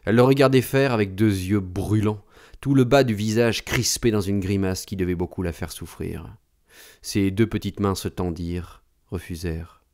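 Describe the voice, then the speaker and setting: A man narrating a literary novel as an audiobook in a measured, expressive way. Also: on the low side.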